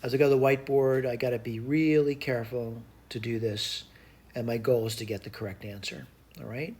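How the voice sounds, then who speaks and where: A man's voice: mid-range voice, steady tone, brisk, a little mellow. A man giving an informal math lesson, thinking aloud hesitantly as he works through each step and repeats it. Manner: hesitant, self-talking, repeats and spells out steps. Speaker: math tutor. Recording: clear background noise.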